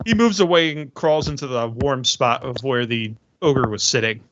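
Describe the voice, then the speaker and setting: A man narrating a tabletop game as game master, unhurried and filled with "uh"s, over an online voice call. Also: medium pitch, fairly bright tone, dry recording. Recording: muffled lo-fi online voice chat.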